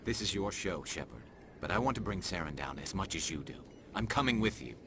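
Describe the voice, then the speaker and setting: A man's voice: deep voice, expressive, fairly quick, noisy background. A man voicing a confident, determined alien police investigator in a video game.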